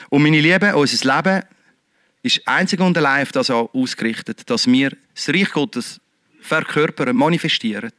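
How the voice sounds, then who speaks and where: A man preaching a lively sermon, shifting between loud exhortation and quiet, earnest talk. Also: mid-range voice, no room sound. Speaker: pastor.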